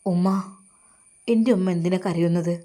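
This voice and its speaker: Brief: woman doing a bedridden young man, quiet and evasive. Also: on the low side, steady tone, moderate pace, natural voice. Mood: subdued.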